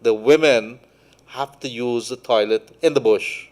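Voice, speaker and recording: Middle-aged Guyanese man, studio radio host, emphatic and quick-fire. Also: mid-range voice, a little mellow. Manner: emphatic, quick bursts of speech. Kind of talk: casual radio talk. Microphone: studio mic with headphones.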